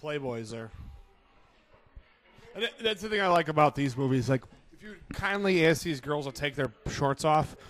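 A man's voice: fairly high pitch, animated, moderate pace, a bit bright. A man casually chatting in an audio commentary over a film, joking and crude.

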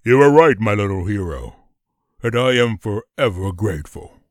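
A man's voice: lively intonation, no echo, clean studio sound, natural voice. A man voicing a big hungry male lion who speaks in a grand, regal way. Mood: grateful. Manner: deep, slow, grand and regal.

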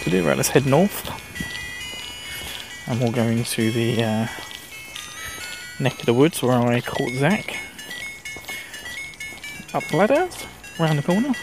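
A male gaming host with a mild Essex English accent and an average-pitched voice. He rambles casually through his commentary, chatting to himself as he plays. Music runs clearly behind him. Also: big pitch swings, slow pace, pauses often, rough recording. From Essex, England. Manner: chatty, talking to himself while playing.

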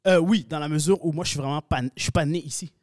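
A man who grew up in Africa, talking fast and animated as a podcast guest, with many fillers. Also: fairly high pitch, dry recording, studio quality. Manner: rapid, animated, filler-heavy talk. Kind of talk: casual podcast chat.

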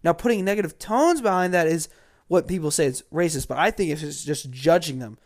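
A man's voice: a little high, a little fast. A man from Georgia ranting about politics in a casual, sarcastic and mocking way, dropping to mutters and then flaring up. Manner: sarcastic and mocking, swinging from mutters to loud outbursts. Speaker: political commentator.

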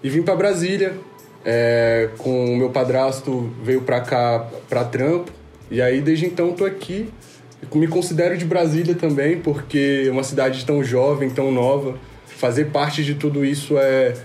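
Podcast guest: twenties, from Rio, laid-back slangy storyteller, echoey room. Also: male voice, medium pitch, a little slow, darkish tone, faint music behind. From Rio de Janeiro, Brazil. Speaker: podcast guest, music producer. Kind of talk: casual chat. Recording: roomy, faint background noise.

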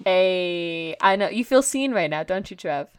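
Lively, animated woman podcast co-host. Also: on the low side, a little slow, clear, resonant tone, dry recording. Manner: animated, laughs often, quotes herself. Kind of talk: casual storytelling chat.

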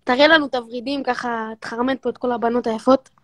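A female livestream caller with a high voice. She teases casually and hesitates as she hunts for words. The sound is dry and close. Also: steady tone, no room sound. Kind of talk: casual, teasing chat.

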